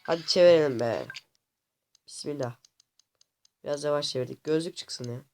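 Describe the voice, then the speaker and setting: A man hosting a gaming channel, commenting casually on his gameplay to viewers, often exasperated and complaining out loud at the game. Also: fairly high pitch, moderate pace, faint music behind. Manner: talks to viewers directly.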